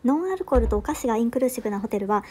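A woman in her thirties narrates a travel vlog in a quick, high, bright voice. Her scripted voice-over sounds upbeat and enthusiastic. She reviews each detail as if pleased with it. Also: animated, slightly rough. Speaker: travel vlogger.

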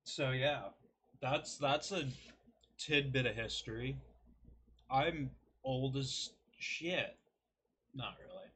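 A man's voice: mid-range voice, takes it slowly, long pauses, a bit bright, slightly rough. Rambling self-mocking young man. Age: 20s. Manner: self-deprecating, rambling, joking. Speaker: food review vlogger. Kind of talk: casual rambling to camera. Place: small cluttered bedroom, indoors.

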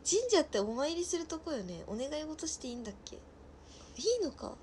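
A young woman with a Nagasaki dialect, somewhat high-pitched, chats casually on a livestream and reads viewer comments aloud. She drifts into soft mutters between remarks. Faint ambient noise sits under her voice. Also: very animated, a little fast. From Nagasaki, Japan. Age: 20s. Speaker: livestream host.

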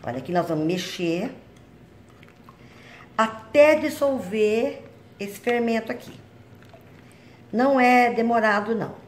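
In a home cooking video, a woman with a fairly high, animated voice chats and explains each step while mixing dough in her kitchen, speaking slowly and pausing often. She hosts a cooking channel, and the room is reverberant. Utensils and bowls clink in the background.

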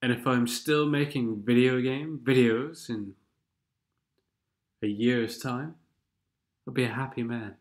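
With a mid-range voice and fairly even intonation, a congested man with a cold talks slowly and pauses often. As a gaming commentator, he rambles sardonically over game replays, occasionally singing snatches of songs.

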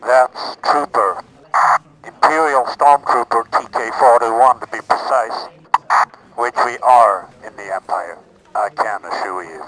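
A man playing a disillusioned, hapless Imperial soldier in a comic parody film, hesitant and deadpan, his voice filtered as if from inside a knight-like helmet. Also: mid-range voice, slow, low-quality recording. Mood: stiff, proud. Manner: hesitant, deadpan, polite and self-doubting. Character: disillusioned, hapless Imperial Stormtrooper seeking a new career.

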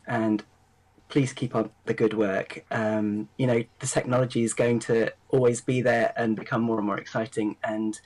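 A man's voice: fairly low pitch, darkish tone, a little hiss or hum, rough recording. A man doing an interview, speaking in a rambling way with many fillers and generous thanks. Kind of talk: casual interview.

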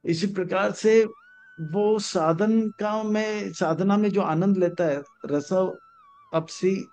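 High-voiced Hindi spiritual teacher. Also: male voice, a little mellow. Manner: chants Sanskrit verses slowly, acts out story characters. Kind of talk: Hindi scripture discourse with stories. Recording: dull lo-fi sound with faint music.

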